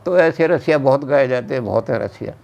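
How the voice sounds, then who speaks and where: An older man who sings slow folk verses and then explains them in quick talk, as the guest on a chat show. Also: mid-range voice, vocal fry, darkish tone, muffled recording. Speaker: guest folk music expert. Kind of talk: explaining and singing folk songs.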